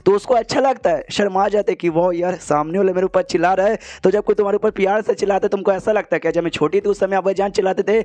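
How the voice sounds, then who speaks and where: A man narrates a story recap in a chatty, casual way. His voice is fairly high for a man, and the sound is dry and close to the mic. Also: darkish tone, no echo. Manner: chatty, fast retelling. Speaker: story explainer.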